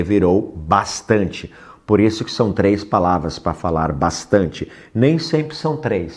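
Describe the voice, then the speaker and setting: Lively low-voiced man teaching a lesson. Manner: animated explaining, drawn-out example phrases. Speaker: English teacher. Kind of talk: recorded grammar lesson.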